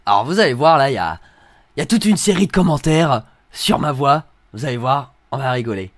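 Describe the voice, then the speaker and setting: Brisk and lively in intonation, this mid-range male voice has no room sound. A young video creator, close-miked in a dry room, ironically mocks hateful comments and reads them in put-on voices.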